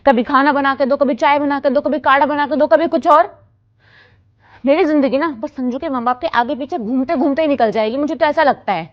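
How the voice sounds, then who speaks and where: A woman playing a high-voiced, indignant young daughter. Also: quick pace, few pauses, natural voice. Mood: complaining. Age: young adult. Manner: indignant and complaining. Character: headstrong young married daughter, quick to complain. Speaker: married daughter. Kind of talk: scripted family drama dialogue. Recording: slightly dull lo-fi recording.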